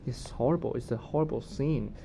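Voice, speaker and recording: Halting man, slightly mellow, over rumbling noise. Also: gravelly, poor audio. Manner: hesitant, halting, searching for words. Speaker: vlogger giving commentary. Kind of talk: casual unscripted commentary on current events. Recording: noticeable low rumbling background noise.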